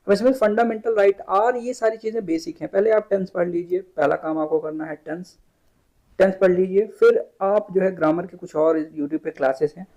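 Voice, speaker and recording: A man's voice: high-pitched, moderate pace, darkish tone, low-quality recording. A young man giving a casual exam-prep tutorial. He is chatty, repeats words, and mixes English terms into his Hindi. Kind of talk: casual screen-share tutorial.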